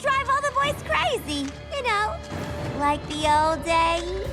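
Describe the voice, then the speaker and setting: High-pitched zany Harley Quinn. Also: female voice, sing-song, slow pace, over music, heavily acted. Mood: pleading, coaxing. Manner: playful, slangy, cheeky. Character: zany, perky young woman antihero with cheeky bravado. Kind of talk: video game cutscene acting.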